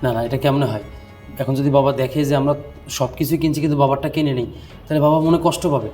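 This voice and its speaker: A man's voice: mid-range voice, quick pace, mellow, soft background music, close to an everyday voice. A man playing a devoted son who pleads reasonably with his wife in a family drama. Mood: pleading. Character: devoted son, caught between wife and father.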